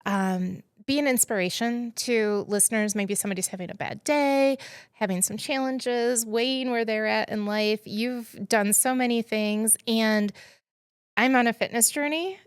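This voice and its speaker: A woman's voice: fairly high pitch, measured pace, smooth, no echo. A woman hosting a podcast interview in a studio, upbeat and welcoming in a chatty, casual way. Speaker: podcast host.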